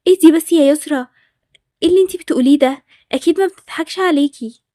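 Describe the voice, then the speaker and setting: Woman doing defensive Egyptian schoolgirl friends, pleading, high voice, dry close sound. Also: rapid-fire, mellow, dry recording, close to an everyday voice. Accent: Egyptian Arabic. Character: school friends denying they were laughing.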